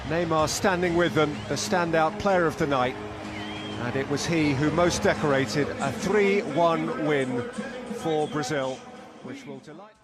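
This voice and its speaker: A man's voice: on the high side, slow pace, over loud music. A man giving dramatic live football commentary in eloquent, ornate phrases. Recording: loud stadium noise behind the voice. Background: stadium ambience.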